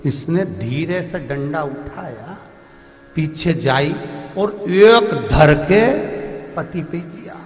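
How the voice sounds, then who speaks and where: A man, a preacher telling a devotional story in a lively, folksy and dramatic way, in a large hall. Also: a little high, slow. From central India. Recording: echoey hall with faint music.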